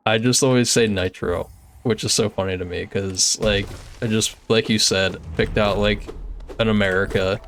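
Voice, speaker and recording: Easygoing young man streaming, lower voice. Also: fairly even intonation, unhurried, fairly bright tone, a little hiss or hum. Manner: chatty and easygoing, many filler "like"s. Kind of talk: casual gameplay commentary, reading chat.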